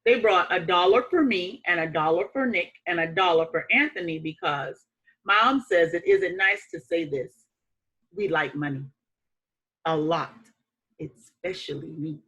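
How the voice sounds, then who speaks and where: Reading a children's picture book aloud like a teacher, a woman with a fairly low voice uses expressive, emphatic phrasing and deliberate dramatic pauses. The audio is poor.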